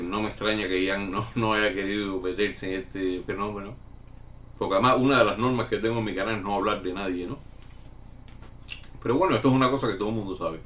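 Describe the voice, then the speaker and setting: A middle-aged man from Cuba chatting casually as a channel host, answering viewer questions with many pauses, fillers and restarts. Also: fairly low pitch, a bit bright. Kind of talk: casual chat. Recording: somewhat distant mic with faint room noise.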